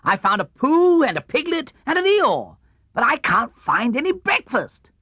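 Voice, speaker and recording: Storybook young tiger: high, swooping, loud, eager and full of boast. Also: male voice, huge pitch swings, a little slow, no room sound, dull audio, heavily acted. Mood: eager, boastful. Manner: exuberant, loud.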